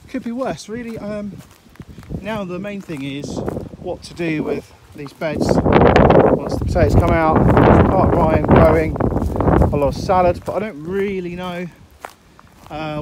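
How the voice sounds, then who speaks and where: Heavy background noise surrounds a fairly high-pitched man who speaks a little slowly. Strolling outdoors with a handheld phone camera, he gives an easygoing, rambling tour of his allotment and polytunnel, with many uhs.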